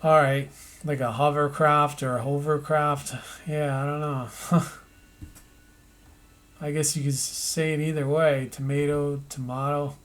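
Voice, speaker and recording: A man narrating an animation tutorial, thinking aloud as he works, with pauses and restarts. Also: fairly high pitch, flat delivery, fairly bright tone.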